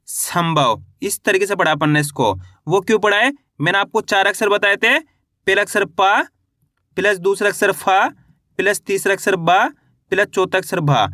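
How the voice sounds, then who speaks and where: A man teaching young readers, slowly sounding out syllables one at a time and then blending them into whole words. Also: sits high, pushed and bright, no echo, clean studio sound. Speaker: Hindi reading teacher. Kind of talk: slow syllable-by-syllable reading lesson.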